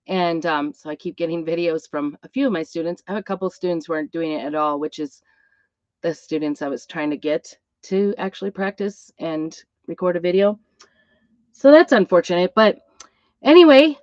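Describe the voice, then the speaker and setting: A woman's voice: lowish voice, dry recording. A middle-aged woman who is ill with a cough, chatting casually and ramblingly as host of a live craft stream, with a tin-can sound. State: ill with a cough and plugged ears. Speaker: craft channel host, music teacher. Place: inside an Airstream trailer. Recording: dull, boxy tin-can sound, close and dry.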